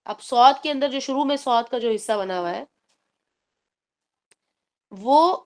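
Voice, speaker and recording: A woman teaching recitation to her online class. Her voice sits a little high, and she explains patiently, step by step, slipping English terms into her talk.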